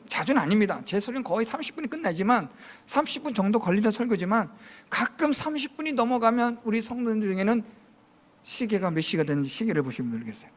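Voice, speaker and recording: A man from Seoul, a pastor, giving a chatty, humorous Sunday sermon full of questions to his congregation. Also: sits high.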